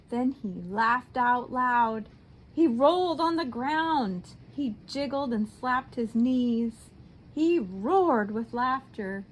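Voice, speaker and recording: A woman teacher reading a picture book aloud to her class in a slow, expressive storyteller voice that drops soft on the tag lines. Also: a little high.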